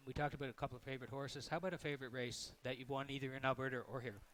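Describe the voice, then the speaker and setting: Fast-talking male interview host. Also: medium pitch, steady tone, a bit bright, poor audio. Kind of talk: conversational sports interview.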